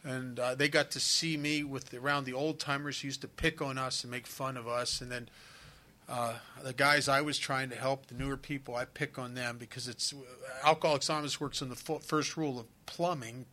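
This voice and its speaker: A middle-aged man speaks at a recovery meeting in an earnest, confessional manner, often stopping and restarting his sentences. His voice is bright and forceful, set at an ordinary male pitch. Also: fairly even intonation, normal speed. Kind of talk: personal testimony to a meeting.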